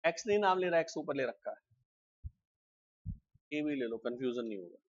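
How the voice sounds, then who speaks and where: A man's voice: medium pitch, animated, a little fast. Guy teaching a coding class live, keeps asking the class questions, kinda muffled recording. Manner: asks students frequent check questions. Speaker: programming teacher.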